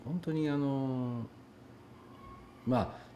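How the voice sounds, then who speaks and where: A man's voice: medium pitch, extremely slow, noisy background. A male actor giving reflective, hesitant interview answers with many fillers. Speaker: actor interviewed about his film.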